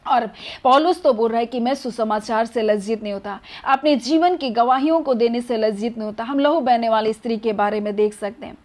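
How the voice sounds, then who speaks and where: A woman with a fairly high voice delivers a sermon. She talks earnestly and keeps posing rhetorical questions, then answers them herself. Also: brisk, darkish tone. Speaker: preacher.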